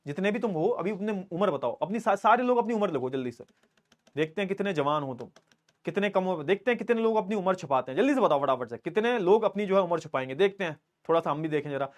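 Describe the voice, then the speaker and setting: A man's voice: high-pitched, expressive, quick pace. A man in his twenties teaching an online class in a chatty, teasing way, reading student comments aloud and joking with them. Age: 20s. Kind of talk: live online class lecture.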